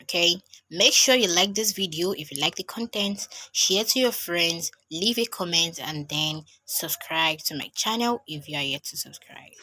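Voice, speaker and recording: Female recitation teacher, lowish and bright-toned, very slow and patient, demonstrates sounds by repeating them. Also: expressive. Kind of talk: online pronunciation lesson.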